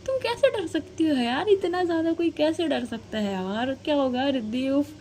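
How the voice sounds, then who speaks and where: A woman's voice: high voice, lively intonation, normal speed, a little mellow, slight background noise, pitched above the performer's own voice. A woman voicing a playful young woman who teases and mocks her scared cousin. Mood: mocking. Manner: playful, mocking. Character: teasing young woman who loves pranks.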